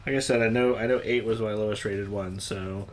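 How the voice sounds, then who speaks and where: A man's voice: on the low side, steady tone, fairly quick, a little hiss or hum. A young man co-hosting a late-night livestream, chatting casually with many fillers and restarts. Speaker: livestream co-host. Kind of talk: casual chat.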